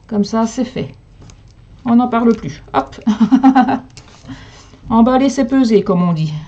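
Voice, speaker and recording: A woman's voice: fairly high pitch, slow pace, mellow, highs cut off. Chatty woman hosting a crafting live. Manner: chatty, answers viewer comments and talks to her dog. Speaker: host of a live crafting stream. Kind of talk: casual live crafting demonstration. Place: at home.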